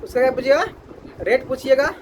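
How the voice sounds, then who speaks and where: Guy teaching maths, really high voice, keeps quizzing the class. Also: brisk, slight background noise, poor audio. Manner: repeats questions to the class and drills answers.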